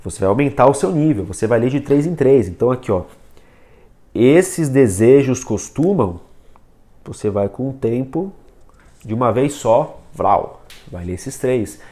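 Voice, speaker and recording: A man's voice: mid-range voice, lively intonation, a little fast, dark tone. A man giving a casual video lesson on reading, talking straight to the viewer and demonstrating with a book and pen. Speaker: reading coach.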